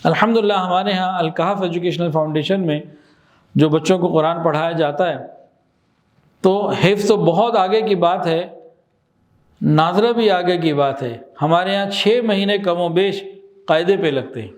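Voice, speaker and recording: Man with a high voice giving a religious lesson, asks questions, repeats stuff slow to make a point. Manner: explains with examples, asks the listener questions; repeats phrases slowly for emphasis. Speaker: Islamic teacher. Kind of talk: religious talk.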